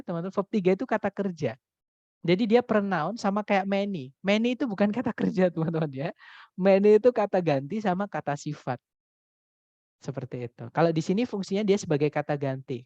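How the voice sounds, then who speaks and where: Relaxed male English teacher, online class. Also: on the high side, dry recording. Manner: explains casually, answers students' chat questions read aloud. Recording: dull dry recording.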